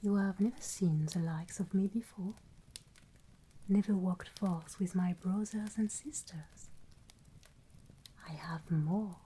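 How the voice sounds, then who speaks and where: A woman playing an ancient, solemn Christmas spirit in a whispered ASMR roleplay, speaking in a deliberate, commanding way over background noise. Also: medium pitch, warm tone, close to an everyday voice, rough recording. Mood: inviting, solemn. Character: female Ghost of Christmas Present, ancient, solemn, welcoming spirit.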